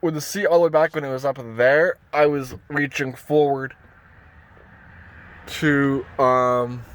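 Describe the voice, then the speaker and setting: Sitting in a parked pickup cab, a male vlogger walks through a truck radio install in a casual, hands-on tutorial, rambling and thinking out loud. His voice is mid-range with fairly even intonation and a measured pace.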